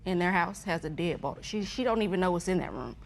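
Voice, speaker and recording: Lower-voiced woman testifying in TV court. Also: animated, fast talker, vocal fry, a little hiss or hum. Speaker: witness, litigant's best friend. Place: TV courtroom studio.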